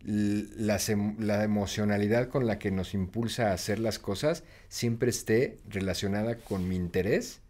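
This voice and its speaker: A man's voice: on the low side, normal speed, hardly any pauses, a little mellow. A man with a Mexican accent, a guest in a casual talk, speaking in a reflective and encouraging way and urging listeners to act. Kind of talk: casual conversation.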